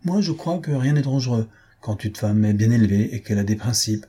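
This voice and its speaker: A man's voice: lowish voice, expressive, brisk, warm tone, husky. Man voicing a prim, touchy little marquise. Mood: indignant. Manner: prim, indignant.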